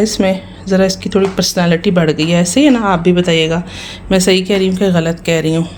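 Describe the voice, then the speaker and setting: A woman in her thirties with a Pakistani Punjabi accent speaks in a hoarse, tired voice that sits a little low. She chats through a home vlog voice-over and keeps turning to the viewers to ask what they think. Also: darkish tone. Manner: chatty, addresses viewers directly, asks their opinion. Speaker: vlogger.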